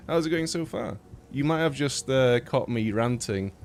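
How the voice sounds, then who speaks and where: A man's voice: mid-range voice, expressive, normal speed, slight background noise. A young man from Poland, streaming a game and chatting casually, rambling with lots of fillers and swearing, a little stuffy-nosed. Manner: rambling, swears a lot, many fillers and restarts. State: blocked nose. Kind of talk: casual live-stream chat while gaming.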